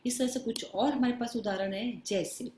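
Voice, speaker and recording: A woman teaching a grammar lesson to schoolchildren, calling them children often and slowing down to dictate words. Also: fairly high pitch, darkish tone, roomy sound, a little hiss or hum. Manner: addresses pupils as children, slow stressed dictation. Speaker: Hindi teacher.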